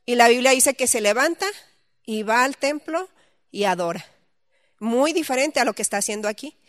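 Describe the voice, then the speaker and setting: A woman's voice: fairly high pitch, lively intonation, moderate pace, no room sound, studio quality. A woman teaching a Bible study, reading scripture aloud and then explaining it conversationally with questions to her listeners.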